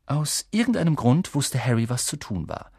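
Man, audiobook narration, animated, lively pitch, dry close sound. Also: normal speed, husky, no echo. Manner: animated storytelling. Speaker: audiobook reader. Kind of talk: scripted narration.

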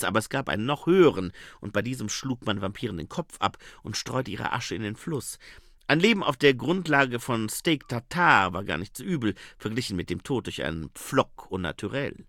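A man reading an audiobook with expressive, dramatic narration. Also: mid-range voice, dry recording, studio quality. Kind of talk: scripted narration.

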